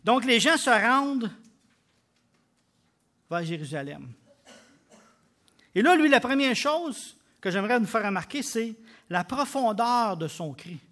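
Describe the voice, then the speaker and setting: High-voiced Québécois pastor preaching. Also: male voice, sing-song, measured pace, long pauses. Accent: Québécois French. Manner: emphatic, swings between loud bursts and quiet drops. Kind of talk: sermon.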